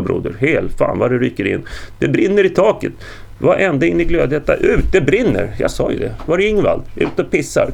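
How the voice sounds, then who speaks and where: A man voicing panicking Norse warriors shouting frantically in a burning hall, read aloud as a story. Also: fairly low pitch, vocal fry, breathy edge, heavily acted.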